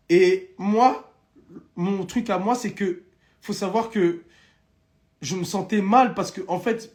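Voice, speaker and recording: A man's voice: high voice, a little mellow. A young man in casual live-stream chat, animatedly telling viewers his own story and addressing them directly.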